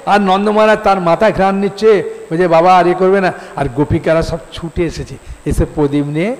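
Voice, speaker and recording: A man preaching a devotional sermon, his voice sitting a little higher than most men's. He tells the story with animated storytelling, slipping into voices for each character. A long reverb trails his words around a large hall. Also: brisk. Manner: animated storyteller, acting out quoted voices with rising pitch.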